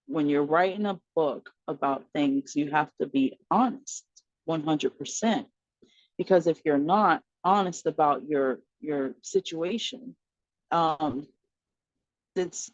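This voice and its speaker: An animated woman guest telling her own story, jumping into the voices of the people she quotes and laughing along the way. The sound is dull and lo-fi, like remote call audio. The room is dry and close, with no echo. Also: fairly low pitch. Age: adult mother of four. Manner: frequent laughter and fillers. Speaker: podcast guest. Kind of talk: personal storytelling in conversation.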